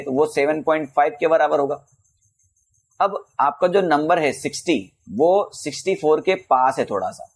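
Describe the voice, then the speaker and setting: A male physics teacher solving exam questions in a casual Hindi lesson, calling students bhaiya and beta and reading English questions out slowly. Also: on the high side.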